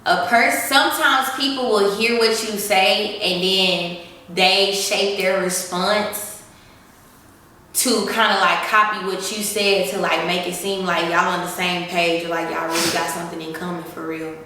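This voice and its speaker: A woman in her 20s answers questions from her followers alongside her partner, chatting casually, giggling, and saying "y'all." Her voice is on the low side with a steady, sharp tone and a measured pace. It's recorded in an echoey room from a distant mic.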